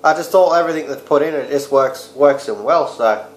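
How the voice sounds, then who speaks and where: Speaking brisk and fairly high, an Australian man in his thirties wanders through an offhand beer review peppered with crude slang. He's recorded on a close webcam or laptop microphone inside a small room that echoes.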